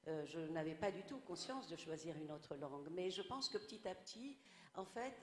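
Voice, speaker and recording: A woman from Tunisia, whose first language is Arabic, speaks as a guest writer on a discussion panel in a large hall, so her lowish voice sounds roomy. She's reflective and full of stories.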